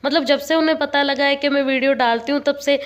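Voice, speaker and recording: A woman's voice: sits high, steady tone, quick pace, echoey room. A young woman chatting through a home vlog voice-over, telling a complaining story in a talkative way. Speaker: home vlogger.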